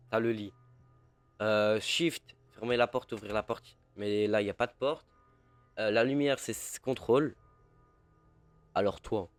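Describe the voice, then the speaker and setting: Young guy, gaming commentator, low-pitched, dry close sound, jumpy and chatty. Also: no room sound. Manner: chatty, jumpy, swears when startled. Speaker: gaming youtuber. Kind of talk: casual gameplay commentary.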